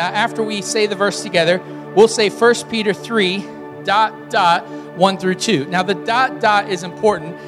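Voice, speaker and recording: A man speaking as a pastor, giving informal welcomes and announcements and addressing his congregation directly in a conversational way. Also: sits high. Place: large church room with PA. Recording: hall reverb, music behind.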